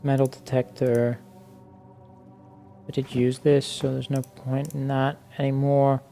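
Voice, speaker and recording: Slow, hesitant man narrating a game. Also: medium pitch, flat delivery, creaky, mellow, soft background music. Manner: thinking aloud, hesitant, many fillers and restarts. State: hiccuping. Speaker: gaming YouTuber. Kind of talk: casual let's-play commentary.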